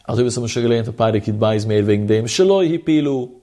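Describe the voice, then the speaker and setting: A man giving a traditional religious text lesson, reading passages aloud and explaining them in a sing-song lilt, with a gravelly voice. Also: lowish voice, level tone, quick pace, dark tone. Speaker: religious teacher.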